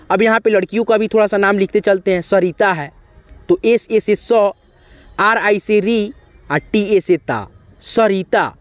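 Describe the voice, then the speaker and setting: A man's voice: sits high, no echo. A man teaching beginners to spell names, patiently spelling out letters and talking directly to his viewers. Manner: patient, repeats friendly asides to viewers.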